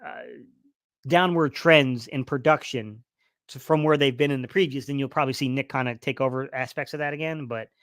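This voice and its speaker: Medium-pitched and a little fast, with a fairly bright tone, this man is recorded dry with clean studio sound. He reads the chat during his casual football live stream, rambling on with lots of fillers and restarts, and his voice is wearing down slightly.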